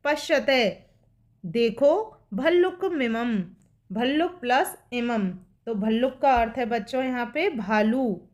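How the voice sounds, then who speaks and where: A woman's voice: a little high, unhurried. A woman teacher patiently explaining a poem to children line by line, repeating each meaning.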